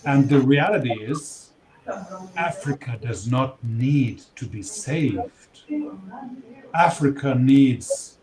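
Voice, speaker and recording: A man in his fifties from Kenya, answering interview questions in a measured, reflective way with some fillers and restarts. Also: medium pitch, expressive, crowd noise. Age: 50s. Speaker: interview guest. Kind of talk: casual interview conversation. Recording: noisy background.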